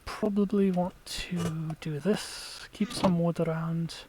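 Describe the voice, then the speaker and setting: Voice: medium pitch, fairly even intonation, slow pace, noisy background. A let's play gamer giving casual, chatty gameplay commentary, explaining tactics to viewers and sometimes dropping to a whisper.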